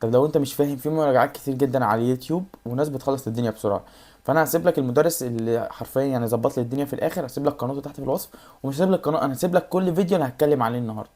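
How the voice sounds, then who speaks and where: A woman's voice: a bass voice, mellow. A woman with an Egyptian Arabic accent giving study advice in a casual vlog, talking straight to the viewer and reassuring them over and over. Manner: rapid, addresses the viewer directly, repeats reassurances. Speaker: YouTuber giving exam study tips.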